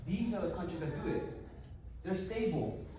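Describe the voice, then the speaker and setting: Male speaker, conference talk, lively and chatty, fairly high voice, heard from a distance in a reverberant hall. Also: normal speed, slight background noise. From United States. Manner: animated, conversational, rhetorical questions. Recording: echoey room, from far off.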